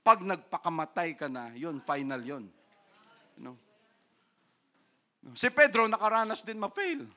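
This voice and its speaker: A Filipino man preaching as a pastor, animated, asking "no?" after almost every phrase and swinging from soft and low to loud and high. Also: a little slow. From Philippines. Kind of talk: sermon.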